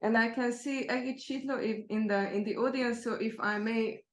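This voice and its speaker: A woman's voice: a little high, steady tone, moderate pace. A woman moderating an academic panel, polite and inviting as she hands over to speakers and the audience.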